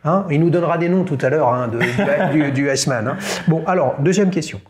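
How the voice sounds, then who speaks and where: Guy hosting a chat, jokey quizmaster energy, slightly high voice. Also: a little fast, a crowd in the background. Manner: playful, teasing quizmaster. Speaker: host. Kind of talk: casual interview and quiz.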